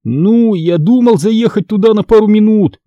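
A man's voice: high voice, moderate pace, mellow, no echo, highs cut off, pitched above the performer's own voice, natural voice. Man doing a whiny clumsy young boy. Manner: whining and protesting.

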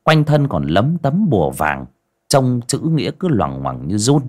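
A man narrating a horror story in a dramatic, expressive way. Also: mid-range voice, a little slow. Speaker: audiobook narrator.

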